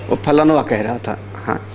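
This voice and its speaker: A man's voice: medium pitch, slight background noise. A man, a swami, giving a spiritual discourse on yoga scripture, explaining terms and checking with listeners. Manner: explanatory, repeats key terms, asks listeners rhetorical checks; uses everyday anecdotes with acted voices. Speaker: swami teaching yoga philosophy.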